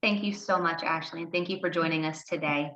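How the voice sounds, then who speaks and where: A woman's voice: deep voice, steady tone, fairly quick, pushed and bright. A woman hosting a formal information session, welcoming people and handing over to other speakers. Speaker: admissions counselor hosting. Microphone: video call. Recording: roomy, dull video-call audio.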